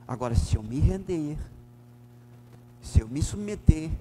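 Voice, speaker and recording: A pastor with a gaúcho accent from southern Brazil teaches a Bible lesson, his fairly high voice turning forceful on the verses and quiet on the warnings. The room rings with a long church-hall reverb over a faint electrical hum. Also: lively intonation, a little slow. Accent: southern Brazilian, Rio Grande do Sul. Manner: emphatic, swings from loud to soft, dramatizes dialogues.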